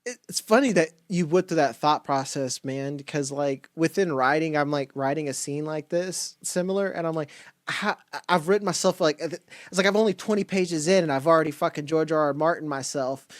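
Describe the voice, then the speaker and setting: A man's voice: fairly high pitch, fairly quick, hardly any pauses, dry recording, studio quality. A man co-hosting a podcast, joking through a casual TV recap and slipping into exaggerated voices. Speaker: podcast co-host.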